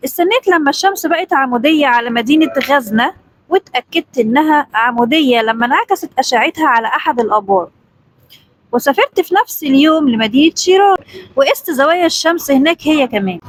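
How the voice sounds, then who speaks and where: A woman voicing a calm, polite 14-year-old boy scholar who explains patiently, with an Egyptian Arabic accent. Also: high-pitched, fast.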